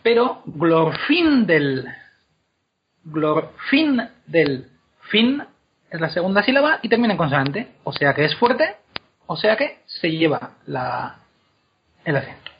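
A man explaining pronunciation in a casual, animated way, drawing words out slowly to demonstrate them. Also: sits high, creaky, breathy edge. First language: Spanish. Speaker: guest explaining Elvish pronunciation. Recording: dull lo-fi podcast recording.

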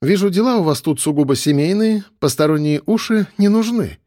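Stern mocking female major, brisk and commanding, raised voice, a man putting her on. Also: high voice, expressive, warm tone, no echo, clean studio sound, pitched above the performer's own voice. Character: stern sarcastic woman police major.

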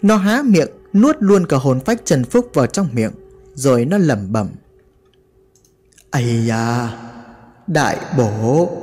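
A man's voice: medium pitch, a little mellow. Dramatic male horror storyteller.

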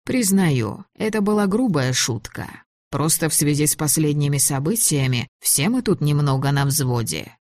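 A woman voicing a cold, mocking German officer who gives orders and jokes with ironic calm, in a storybook reading. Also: low-pitched, normal speed, few pauses, dry recording, studio quality. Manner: smooth, ironic, commanding.

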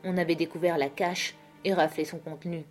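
A woman narrating a classic adventure novel aloud in a measured, expressive storytelling voice. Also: fairly low pitch, faint music behind. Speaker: audiobook narrator.

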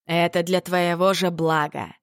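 A woman reading an icy bodiless dark lord. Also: lowish voice, normal speed, no echo, clean studio sound, close to an everyday voice. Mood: cold. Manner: cold, clipped, imperious. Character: cold commanding bodiless male dark lord. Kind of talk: audiobook character reading.

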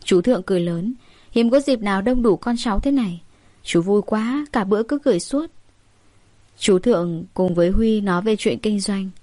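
Female narrator, lively first-person storytelling, close dead-dry mic. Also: medium pitch, normal speed, dry recording. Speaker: audiobook narrator.

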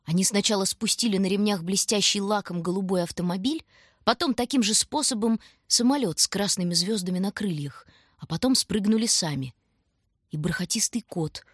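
A woman narrating a children's storybook in a calm, even reading voice, close to the mic. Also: mid-range voice, moderate pace, slightly rough, dry recording. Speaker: audiobook narrator.

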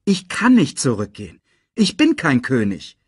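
Young lion, easygoing but troubled, played by the male narrator; animated, slightly husky. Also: fairly high pitch, a little slow, dry recording, studio quality, pitched above the performer's own voice, full character voice. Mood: carefree. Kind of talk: storybook audiobook voice acting.

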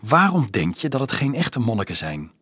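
A man voicing a clever, doubtful teenage boy who talks quickly and earnestly, in a husky voice. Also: big pitch swings, fairly bright tone, dry recording, clean studio sound. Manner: quick, eager, sometimes shrill.

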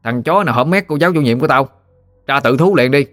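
A man's voice: mid-range voice, lively intonation, fast, fairly bright tone, voice pushed up, lightly acted. A man voicing a burly, boastful boy bully who taunts and swaggers. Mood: taunting.

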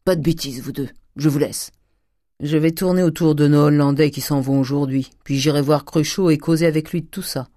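A woman's voice: sits low, steady tone, a little fast, mellow, no room sound, studio quality, close to an everyday voice. A woman reading as a stern miserly old father. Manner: dismissive, lecturing. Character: miserly old provincial father, curt and scolding. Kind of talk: audiobook character reading.

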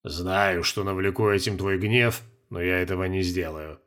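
A gruff court mage, voiced by a male narrator, grumbles in a deep, lowered voice, quiet and held back. He sounds proud and put out, booming softly rather than shouting. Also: fairly even intonation, moderate pace. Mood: grumbling. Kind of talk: audiobook character voice.

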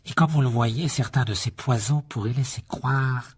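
Haughty aristocrat, male, icy and condescending, voiced by an audiobook reader: clipped delivery, husky timbre. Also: mid-range voice, normal speed, close to an everyday voice. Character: cold haughty aristocratic wizard father.

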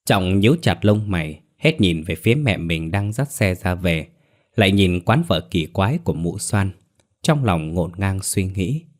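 Low-voiced male ghost-story narrator. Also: animated, a little slow.

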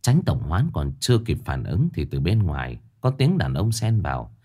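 A man narrating a scripted ghost story in a dramatic, expressive way. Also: rumbling low, moderate pace, husky.

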